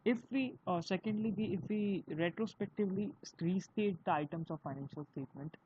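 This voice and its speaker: A speaker with an Indian accent giving an explanatory video lesson on accounting, talking in a halting way with frequent fillers. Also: mid-range voice. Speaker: accounting teacher. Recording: dull lo-fi recording with faint hiss.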